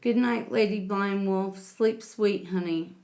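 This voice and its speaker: A woman's voice: medium pitch, vocal fry, darkish tone. A woman hosting a casual livestream, chatting with viewers and calling them sweetie and honey. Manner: slow, homey, calls viewers sweetie and honey. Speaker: livestream host reading chat.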